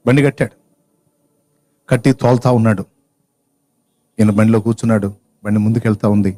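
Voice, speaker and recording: A man's voice: on the low side, steady tone, brisk, dark tone. A man preaching a sermon through a story, emotional and impassioned. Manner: emotional, builds to impassioned crying-out.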